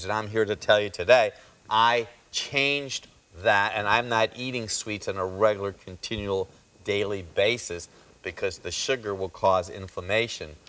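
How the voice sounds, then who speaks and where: A man hosting a health talk show as a chiropractor, speaking emphatically and slowing down to stress his points. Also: lowish voice, fairly bright tone.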